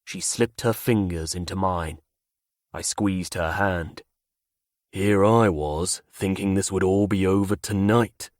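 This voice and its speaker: Male audiobook narrator, first-person fantasy, measured and low, dry studio sound. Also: a little mellow, dry recording.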